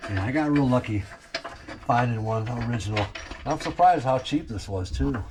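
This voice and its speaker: A man's voice: medium pitch, animated, moderate pace. A man doing a casual restoration vlog, chatting to the camera while he wrenches on a car in his home garage, with no clip-on mic. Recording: noisy garage with tool clicks.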